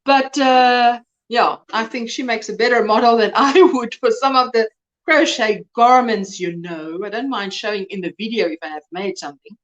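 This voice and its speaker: A woman's voice: fairly high pitch, normal speed, highs cut off. A woman in her early fifties hosting a live crochet chat. She talks casually, reads and answers viewers' comments, and laughs often. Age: 50s.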